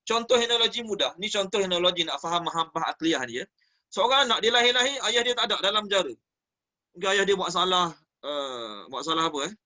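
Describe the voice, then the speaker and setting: Man, Malaysian Malay accent, religious class lecture, high bright voice, dull lo-fi sound. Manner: animated, uses everyday examples and asks the audience questions. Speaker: religious teacher. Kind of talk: Quran study class lecture.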